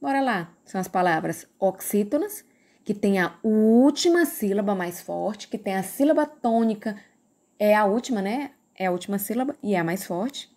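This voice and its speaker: A woman's voice: medium pitch, animated, moderate pace, darkish tone. A woman with a Brazilian Portuguese accent teaching a recorded grammar lesson, patiently stretching out words and asking the class questions.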